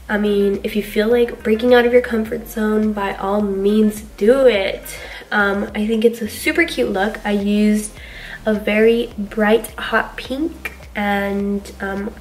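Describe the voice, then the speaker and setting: A young adult beauty vlogger with a mid-range, congested-sounding voice chats casually through a makeup tutorial in a small bedroom, filling her speech with ums and likes. The mic is distant.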